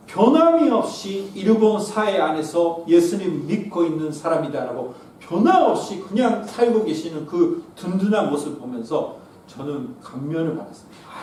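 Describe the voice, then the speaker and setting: A male pastor who grew up in Japan, preaching a sermon with animated swings between loud exclamations and quiet asides. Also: sits high, slight background noise. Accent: Korean spoken by someone born in Japan. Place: church sanctuary. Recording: echoey church from a distance.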